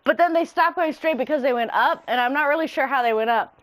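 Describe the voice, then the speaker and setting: Young woman, high voice, rambling profane retelling over voice chat. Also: fast talker. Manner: rambling, swearing, laughing through it.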